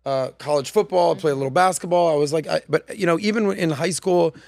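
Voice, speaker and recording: A man in his forties hosts a casual podcast from a studio set, speaking into a boom-mounted mic. His voice sits a bit high for a man, and the sound is close and dry. He tells stories animatedly, slipping into quoted voices. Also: fast, gravelly, a little mellow, dry recording. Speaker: podcast host. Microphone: studio mic on boom arm.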